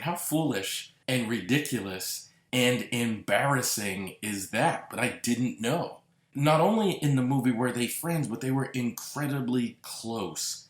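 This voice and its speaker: A man from Massachusetts hosts a solo podcast, speaking earnestly and reflectively and dwelling on repeated words. His voice is on the low side and a bit bright, recorded with a roomy echo.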